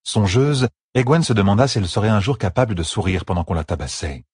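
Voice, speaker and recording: A man with a husky voice narrating a fantasy audiobook in a measured, expressive way. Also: fairly low pitch, no room sound, studio quality.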